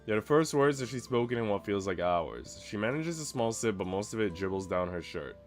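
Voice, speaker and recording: Talking a little fast and sounding animated, this man has a lowish voice and soft music playing behind him. He's streaming a game, mixing slangy, profane casual chat with occasional read-aloud visual novel narration.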